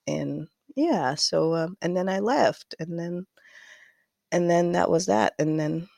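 A woman's voice: on the low side, takes it slowly, gravelly, a little mellow, dry recording, studio quality. A woman from Kazakhstan with a Kazakh accent, chatting as a podcast guest, rambling and laughing often. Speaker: guest knitwear designer. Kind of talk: casual interview chat.

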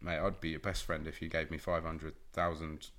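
A man co-hosting a casual podcast chat, talkative and quick to argue his point, swearing freely. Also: a bass voice, flat delivery, a bit bright. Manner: chatty, argumentative, swears. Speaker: podcast co-host.

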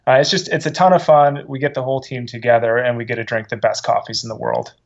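A man's voice: mid-range voice, fairly even intonation, fast, highs cut off. A man who runs a coffee company, telling stories in an interview with eager restarts. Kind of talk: casual interview answers.

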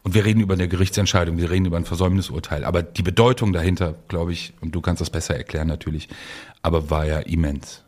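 A man with a very low voice talks at a brisk clip. He co-hosts a casual chat, setting up topics and handing questions to his partner. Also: steady tone, a little mellow. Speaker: podcast co-host.

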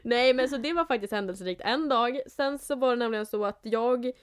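A woman's voice: fairly high pitch, clean tone. A young woman co-hosting a podcast, chatting casually and laughing often. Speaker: podcast co-host. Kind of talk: casual chat.

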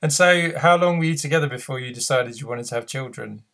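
A man hosting an interview who asks questions and reflects back in a gentle, encouraging way. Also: mid-range voice, fast, vocal fry. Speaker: podcast host. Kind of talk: conversational interview.

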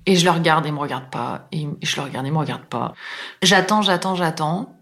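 A woman's voice: low voice, brisk, a bit bright. A middle-aged woman telling a personal anecdote in a casual, chatty way, full of fillers and acted-out bits of dialogue. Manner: chatty, many fillers, acts out quoted dialogue. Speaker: storyteller recounting a personal anecdote.

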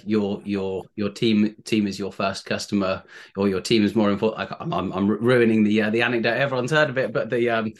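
A podcast host, a man with a fairly low voice. He responds with enthusiasm, rambling and restarting his sentences as he goes. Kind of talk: conversational podcast interview.

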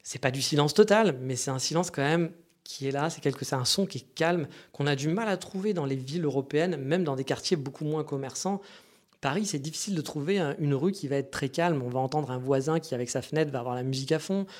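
A man's voice: fairly high pitch, fast. A man hosting a casual monologue, chatty and meandering, with frequent asides to his listeners. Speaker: podcast host.

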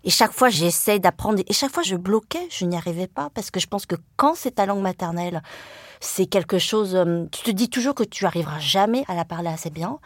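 A Vietnamese-born woman living in France, a journalist and writer, speaks in a fairly low, animated voice at a fairly quick pace. She sounds thoughtful and hesitant in this reflective interview, often restarting and using fillers. The recording is dry and studio-clean.

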